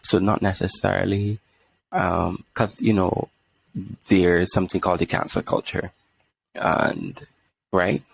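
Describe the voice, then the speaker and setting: A man's voice: deep voice, steady tone, a little slow, vocal fry, pauses often, husky. A man with a Barbadian accent in casual conversational discussion on a podcast. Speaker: podcast speaker.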